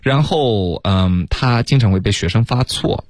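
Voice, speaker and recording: Male radio English teacher, deep and animated, slows down to drill words. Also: no echo. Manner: explains pronunciation slowly, repeats English words.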